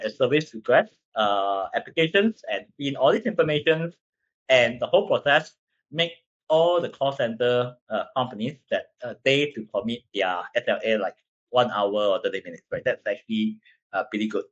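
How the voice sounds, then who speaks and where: A man with a Cantonese accent, a native Cantonese speaker, giving a slide presentation in halting English and often tagging sentences with a questioning check. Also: mid-range voice, muffled recording. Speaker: company presenter.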